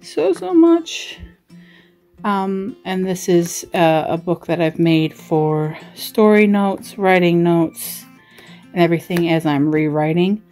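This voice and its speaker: A woman's voice: on the low side, fairly even intonation, measured pace, darkish tone, soft background music. A woman from Australia giving a casual, chatty show-and-tell as a vlogger, rambling in a giggly, self-deprecating way. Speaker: vlogger and writer giving a desk tour.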